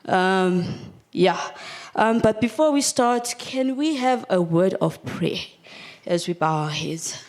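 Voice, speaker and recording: A woman's voice: medium pitch, lively intonation, slow pace, darkish tone. A woman from Cape Town speaks as the guest in a church. Her voice sits mid-range, and her manner is chatty, full of little ums. When she leads a prayer, she keeps coming back to "dear God.". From Cape Town, South Africa. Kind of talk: church talk and spoken prayer. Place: church hall.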